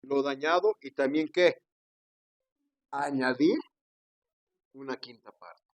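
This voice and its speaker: Pastor preaching, dry close sound. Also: male voice, mid-range voice, takes it slowly, no room sound, low-quality recording. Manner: rhetorical questions, keeps calling listeners brother; tag "¿verdad?" after most phrases. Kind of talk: sermon.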